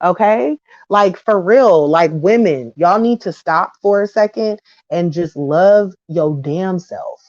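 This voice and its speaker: Speaking to camera, a thirtysomething woman vlogger gives a frank, slang-filled opinion piece, lively and prone to mocking impressions. Her pitch is fairly low, and the audio is dull with no echo.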